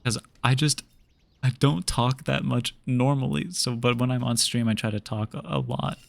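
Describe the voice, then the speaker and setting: A young man with a gravelly edge to his mid-pitched voice rambles to his viewers while gaming at home. He talks in a loose, laid-back way, trailing off and restarting often. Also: fairly even intonation, moderate pace, no echo. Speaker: streamer. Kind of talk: casual chat while gaming.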